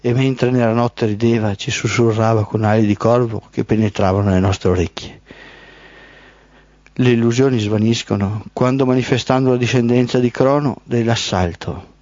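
A man's voice: medium pitch, steady tone, normal speed, darkish tone, dry recording. Man narrating a solemn mythic tale. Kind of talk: poetic mythic storytelling. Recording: dull, dry lo-fi.

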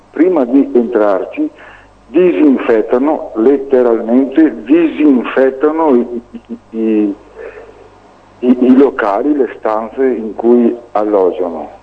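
A man calling in to a radio show over the phone, talking in a halting way, repeating words and tagging sentences with "no?". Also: mid-range voice. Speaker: radio call-in caller. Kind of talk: call-in opinion monologue. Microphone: telephone. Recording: tinny phone line.

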